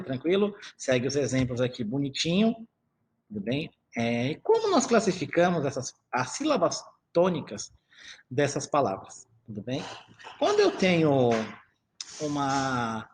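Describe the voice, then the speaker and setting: Guy teaching over slides, kinda high voice, bouncy up and down, keeps asking tudo bem. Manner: lively, checks in often with "tudo bem?"; hesitant restarts while explaining. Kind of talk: recorded lesson over slides.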